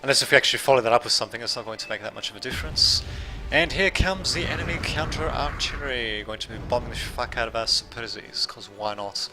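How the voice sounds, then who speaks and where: A gameplay commentator, born in Serbia and raised in Australia, talks fast in a mid-range voice with a light Australian accent. He rambles casually over a strategy game, correcting himself and making chatty asides to his viewers.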